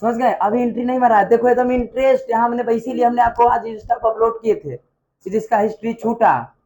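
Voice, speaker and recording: This male history teacher talks a little fast, his voice pitched extremely high. He keeps the lesson lively by firing questions at the class and getting the students to call back answers.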